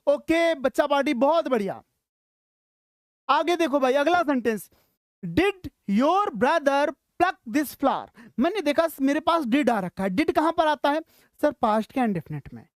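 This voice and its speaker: A teacher with a high-pitched, expressive voice leads a live lesson for school students at an unhurried pace. She teaches by posing questions, answering them herself, and repeating phrases for emphasis, and the sound is dry with no room echo.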